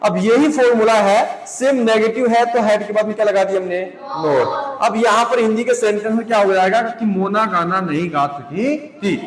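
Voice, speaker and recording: A man with a high voice teaching a grammar class, heard in a room with long, ringing reverb. He keeps asking the class questions and then answers them himself. He spells English words out letter by letter.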